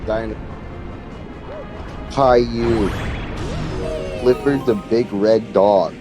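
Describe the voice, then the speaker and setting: A man with a somewhat low voice makes casual conversation as a playthrough commentator. Game music plays clearly behind his voice. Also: extremely slow. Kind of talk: casual gaming chat.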